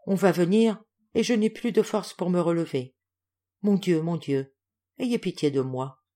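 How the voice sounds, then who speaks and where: A man's voice: sits high, a little slow, dark tone. A woman reading aloud as a starving, exhausted man who pleads in a weak, faltering voice. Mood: despairing. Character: starving exhausted stranger, a lost prince.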